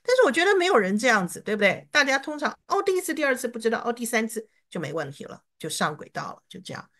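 A woman teaching an online reading class, encouraging her students and sounding out English words slowly. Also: fairly high pitch, big pitch swings, a bit bright. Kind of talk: online lesson.

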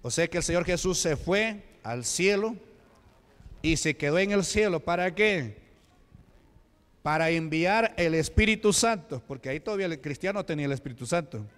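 A man with a Peruvian Spanish accent preaches a Pentecostal sermon as a deacon, his voice sitting a little high. He keeps asking the congregation questions as he goes. The sound rings with a long reverb in a church hall. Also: animated, normal speed, a bit bright. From Peru. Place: church sanctuary.

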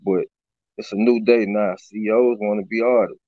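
A middle-aged man from Baton Rouge, Louisiana, a rapper, chats loosely in a casual interview over a video call, his raspy voice low-pitched and steady at a moderate pace. He keeps repeating "you know what I'm saying." The audio comes from a webcam in a small indoor room and sounds dull, lo-fi, and dry.

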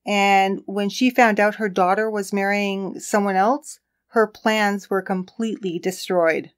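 A woman recounts the case on the true crime podcast she co-hosts, keeping it casual, chatty, and full of laughs. Her middle-pitched voice moves at a measured pace.

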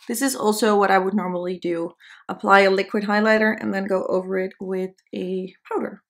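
This makeup tutorial chat comes from a young Dutch woman in her twenties, a beauty vlogger working on her face on camera in a small indoor studio while casually teasing herself. She talks a little quickly, in a mid-range voice with fairly even intonation.

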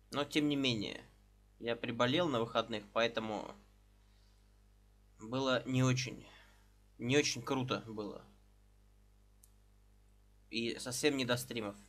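With a medium-pitched, slightly bright voice, a man in his thirties talks slowly and leaves long pauses during a casual live stream. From a small room and over a headset, he greets viewers one by one as game music plays beneath him.

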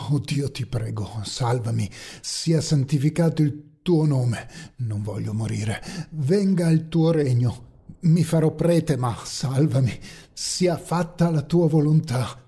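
A man's voice: on the high side, slow pace, breathy edge. A man voicing a terrified young man in an audio horror story, pleading shakily and stammering. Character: terrified young man praying for his life. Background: faint dark ambient music.

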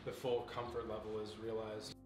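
A young man in his twenties casually showing and explaining snakes in an indoor reptile room, relaxed and knowledgeable, with many fillers. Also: lowish voice, moderate pace, distant mic. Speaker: facility owner giving a tour. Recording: echoey room, off-mic, music behind.

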